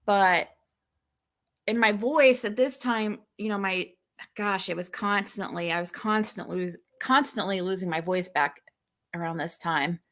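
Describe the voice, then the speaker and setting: A young woman hosting a livestream talks through her reaction to an old clip, rambling casually and often correcting herself. Her mid-range voice has a fairly bright tone and a measured pace.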